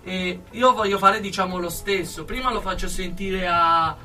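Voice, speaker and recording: A young adult man giving earnest, halting interview answers as a guest in a radio studio. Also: high voice, sharp tone, recorded from a distance, faint music behind. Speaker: interview guest, aspiring musician.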